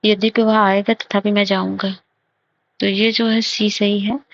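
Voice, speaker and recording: Woman with a gravelly, flat teaching voice. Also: mid-range voice. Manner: slow, methodical, repeats and corrects phrases. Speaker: exam prep teacher. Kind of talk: explaining grammar test answers. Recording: dull lo-fi recording.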